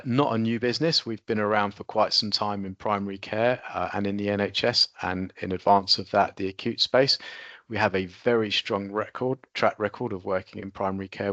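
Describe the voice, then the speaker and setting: Deep-voiced man on a video call. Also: fairly bright tone, dry recording. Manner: loose, conversational delivery. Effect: voice over a video call. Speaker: webinar host. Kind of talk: presenting a business webinar. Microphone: computer mic on a video call.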